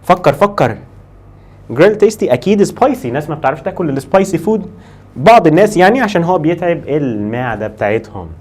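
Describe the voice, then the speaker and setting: A man with an Egyptian Arabic accent teaching an English lesson, switching between Arabic and slow, drilled English words and voicing students' questions himself. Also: a little high, animated. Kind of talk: lively classroom lesson.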